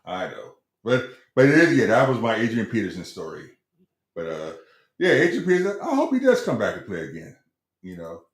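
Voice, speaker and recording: A man's voice: fairly low pitch, wildly swooping pitch, brisk. A middle-aged man co-hosting a casual sports talk show, hedging and stumbling over repeated words as he tells stories. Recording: roomy echo.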